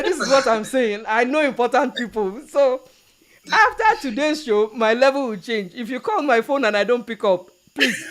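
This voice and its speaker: A woman from Nigeria hosting a live talk show, playful and teasing as she introduces her guests and the topic. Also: mid-range voice.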